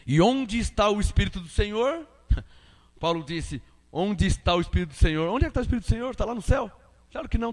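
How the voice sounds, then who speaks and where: A man preaching an emphatic sermon with a Brazilian Portuguese accent, asking rhetorical questions and swinging between loud and quiet. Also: high-pitched, in a large hall.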